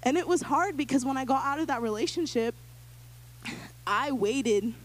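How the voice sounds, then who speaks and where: A young woman shares her testimony with a church group in a loose, chatty way, full of "like" and quick asides. She acts out the other voices in her stories. Her voice sits a bit higher than most women's. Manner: animated storyteller acting out quoted voices; casual, filler-heavy speech. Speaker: church member giving a testimony.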